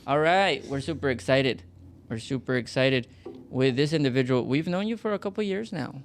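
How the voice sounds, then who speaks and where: A man co-hosting a podcast, asking quick follow-up questions with a joking, playful manner. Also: mid-range voice, animated, gravelly, a little hiss or hum. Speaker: podcast co-host. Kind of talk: casual podcast interview.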